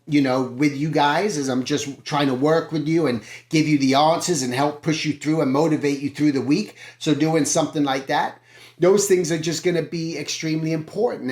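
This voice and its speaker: Earnest and slightly high-voiced, this channel host and art teacher delivers a motivational talk meant to encourage his listeners. His phrases and questions keep circling back on themselves, all in a roomy, echoing space.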